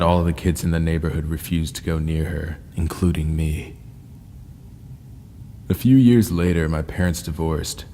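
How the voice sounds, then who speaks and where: A man narrating scary first-person stories in a slow, ominous storytelling manner. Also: a bass voice, warm tone. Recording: long reverb with faint ambient noise.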